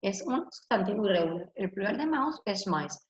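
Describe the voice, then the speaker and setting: A woman's voice: medium pitch, very animated, moderate pace. Teacher woman in an echoey room. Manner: explains in Spanish, tags most lines with "ok?". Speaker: English teacher. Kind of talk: recorded online class explanation. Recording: echoey room, dull lo-fi sound, faint hiss.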